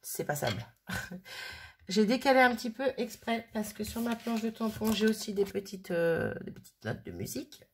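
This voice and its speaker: A woman's voice: medium pitch, big pitch swings, moderate pace, slight background noise. A woman casually thinking aloud as she works on a craft project, chatting and muttering to herself at her worktable. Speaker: crafting vlogger.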